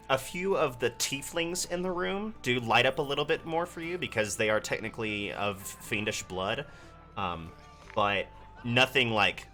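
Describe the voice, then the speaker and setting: Bright-voiced male game master. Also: medium pitch. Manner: relaxed, hesitant narration with many fillers. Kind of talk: narrating a tabletop game.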